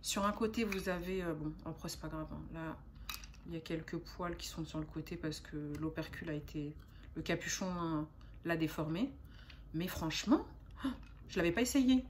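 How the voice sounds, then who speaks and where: A woman's voice: fairly low pitch, moderate pace, slight background noise. A young adult woman chatting casually as a beauty vlogger, talking in a chatty, hesitant way with frequent fillers and restarts. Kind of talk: casual haul chat.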